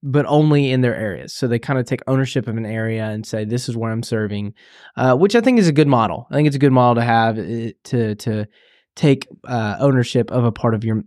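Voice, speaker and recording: A man's voice: medium pitch, a little fast, a little mellow, no echo, studio quality. A man co-hosting a church podcast, speaking in casual conversation with many fillers and restarts.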